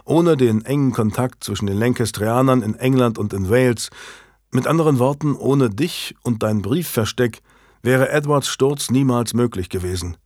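A man voicing a calm, generous medieval lord who speaks earnestly in an audiobook. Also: mid-range voice, normal speed, no echo, studio quality, close to an everyday voice.

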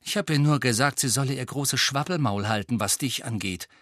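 A man reading an audiobook, voicing a clever, bossy teenage schoolgirl witch with a brisk, lecturing manner. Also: mid-range voice, a bit bright, dry recording, studio quality, natural voice. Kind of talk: audiobook character voice.

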